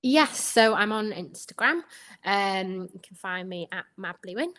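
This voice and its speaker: In a mid-range, slightly bright voice with lively intonation, a young Welsh-accented woman takes her time answering interview questions. A guest and anaesthetics trainee whose first language is Welsh, she stays chatty and laughs often between points.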